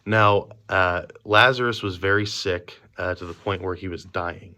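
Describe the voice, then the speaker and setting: Speaking from memory in an easygoing, conversational manner, a man with a deep, low voice leads a youth group in a relaxed devotional talk. He's unhurried. A phone captures it at a quiet workplace.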